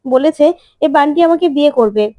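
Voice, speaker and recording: A woman's voice: high-pitched, a little fast, no echo, muffled recording, voice pushed up, lightly acted. A woman voicing a naive young girlfriend who complains with indignation, in a TV serial retelling. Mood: indignant.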